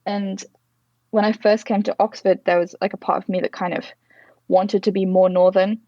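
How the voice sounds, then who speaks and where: A woman's voice: medium pitch, level tone, normal speed, dark tone, no echo, highs cut off. A young woman from Durham with a posh English accent and northern short A's, chatting reflectively in casual conversation as an interview guest. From Durham, northern England. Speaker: interview guest, Oxford student.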